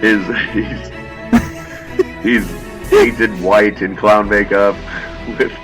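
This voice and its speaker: A man's voice: on the low side, fairly even intonation, extremely slow, music in the background. A man telling long, rambling anecdotes in casual chat as a podcast co-host, laughing at his own jokes.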